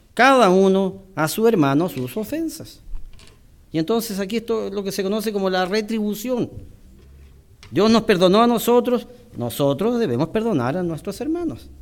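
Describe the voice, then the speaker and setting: A man preaching a sermon in a church, reading scripture aloud and then explaining it slowly, with pauses and restarts. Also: high voice. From Chile.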